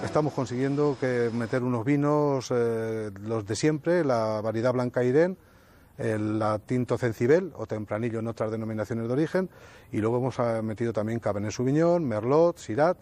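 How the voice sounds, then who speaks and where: A man's voice: medium pitch, moderate pace, darkish tone. A man from a winery speaking in an interview, hesitant with fillers.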